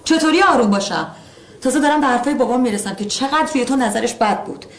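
A woman's voice: high-pitched, animated. An actress playing a hurt young woman who confronts her partner in a film drama. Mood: reproachful. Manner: reproachful, confronting. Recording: roomy film sound with faint noise.

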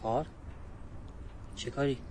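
An actor playing a gently probing father. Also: close to an everyday voice. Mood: gentle. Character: father questioning his young son. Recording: noisy film soundtrack, voice from a distance.

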